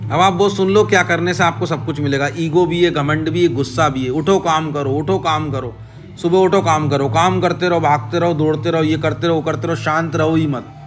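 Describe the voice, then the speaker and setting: A man with a somewhat high voice talks straight to the listener about horoscopes, stacking short repeated phrases into lists and checking in often. Faint music sits behind him. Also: steady tone, brisk, hardly any pauses. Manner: repetitive, direct address to viewer with frequent "ठीक है?"; listing advice in short chanted phrases. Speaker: astrology channel host. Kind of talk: casual astrology explainer.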